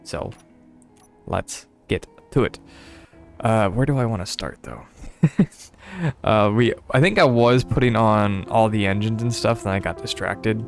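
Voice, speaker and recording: Soft music runs under this young man's unhurried, fairly low voice as he streams a building game. His commentary is loose and meandering, full of fillers, laughter and hesitation, and he sounds a little congested.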